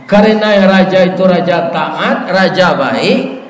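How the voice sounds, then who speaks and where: A middle-aged man, preaching a storytelling sermon to children and parents, lively and chatty, asking the crowd questions. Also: sits high, slow. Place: mosque hall. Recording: echoey mosque hall.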